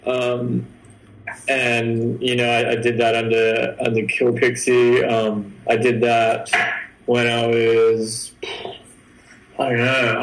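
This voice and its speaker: A young Australian man being interviewed, easygoing and hesitant, filling pauses with lots of ums. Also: medium pitch, a bit bright. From Sydney, Australia. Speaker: guest artist. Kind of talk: casual interview chat. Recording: echoey room.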